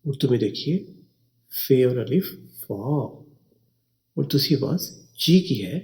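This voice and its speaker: A man gives an English vocabulary lesson at a very unhurried pace. His voice is dark and mellow, and he spells each word letter by letter, then repeats it. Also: mid-range voice, animated. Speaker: English teacher. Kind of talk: slow spelling and pronunciation lesson.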